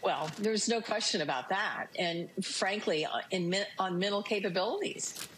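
A woman's voice: mid-range voice, normal speed, a bit bright, slight background noise, rough recording. A woman commenting emphatically on a TV news panel.

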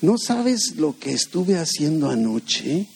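A man voicing a wary, defensive outcast woman in a sermon, in a husky, unhurried voice. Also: fairly high pitch, big pitch swings, a little mellow, pitched below the performer's own voice, heavily acted. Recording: long hall reverb.

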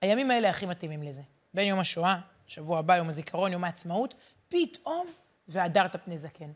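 A woman who teaches and works as a journalist, giving a lively, emphatic Torah lesson and repeating words as she searches for them. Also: fairly low pitch.

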